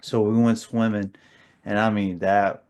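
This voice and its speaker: A man's voice: fairly low pitch, level tone, a little slow, a little mellow. Man, co-host, casual chat, friendly, chatty. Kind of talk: casual conversation.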